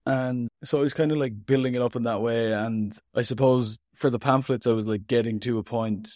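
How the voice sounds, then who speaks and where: A man's voice: medium pitch, fairly even intonation, fairly quick, a little mellow, dry recording, studio quality. A man with an Irish accent giving an interview as a writer, talking in an informal, rambling, reflective and self-deprecating way. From Ireland. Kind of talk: casual, reflective interview talk.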